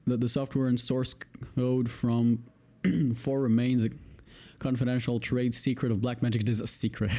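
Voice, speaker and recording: Here a male video creator with a mellow, mid-range voice tackles a legal text out loud. A native Hebrew speaker with an Israeli accent, he trips over the long words and interrupts himself to swear in exasperation.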